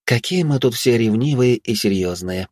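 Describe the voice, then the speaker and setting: A man's voice: lowish voice, fast, no echo, studio quality, natural voice. A man voicing a coy fox-spirit girl. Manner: coy, teasing. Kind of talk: audiobook character voice.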